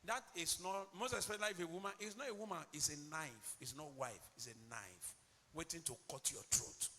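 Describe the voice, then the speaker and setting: Male pastor preaching, high ringing voice, big hall echo, shouts then drops low. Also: brisk, a little hiss or hum. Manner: emphatic preaching, swings from shouts to low asides. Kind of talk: sermon.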